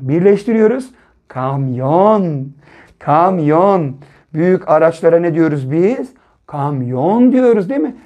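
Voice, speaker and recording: A patient male primary school teacher leads young children through a reading lesson, sounding out syllables one at a time before blending them into words. His voice is mellow and soft-edged, and he often closes a point with a gentle checking question. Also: high-pitched, expressive, normal speed.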